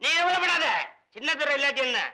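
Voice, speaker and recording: A man's voice: very high-pitched, fast, sharp tone, full character voice, low-quality recording. A man playing a boozy, whiny drunken estate servant in a film comedy, slurring, wailing and breaking into song. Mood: grumbling.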